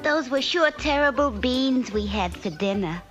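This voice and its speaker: Very high, brassy Cinderella. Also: female voice, expressive, a little slow, fairly bright tone, faint music behind. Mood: salesy. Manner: blunt, slangy, unromantic. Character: brassy young drudge Cinderella turned saleswoman. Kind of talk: comic cartoon voice acting.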